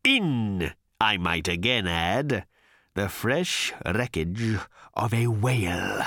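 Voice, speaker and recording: A man voicing a bitter, vengeful male creature who snarls and hisses slowly and with menace in an audiobook. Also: lowish voice, lively intonation, bright, forceful tone, no echo, clean studio sound, exaggerated voice. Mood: menacing. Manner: snarling, hissing, slow and menacing. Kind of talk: audiobook character voice.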